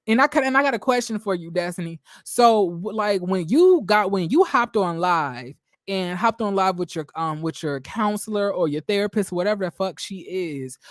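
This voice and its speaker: A man's voice: sits high, no echo, clean studio sound. Blunt, sassy man recapping reality TV. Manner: blunt, sassy and profane, with rhetorical questions and frequent restarts. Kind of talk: livestream reality TV recap commentary, reading viewer comments.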